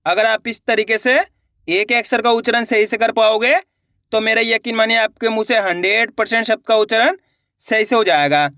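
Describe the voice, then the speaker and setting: A man's voice: high voice, normal speed, pushed and bright, no room sound, studio quality. A man teaching Hindi reading online, sounding out each syllable before blending it into the word and checking that viewers follow. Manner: spells words out syllable by syllable, then blends them; coaxing, checks understanding with the viewers.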